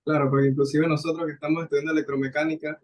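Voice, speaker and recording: A man's voice: on the high side, little pitch movement, very fast. A young man, a student, co-hosting a casual podcast in an agreeable, chatty way. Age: young adult.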